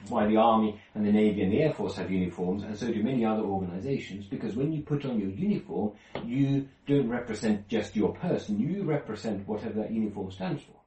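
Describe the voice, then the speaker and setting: Man from Finland, low voice, mellow tone, informal Bible teaching, halting restarts, roomy distant recording. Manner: hesitant, many restarts and fillers. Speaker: Bible study leader.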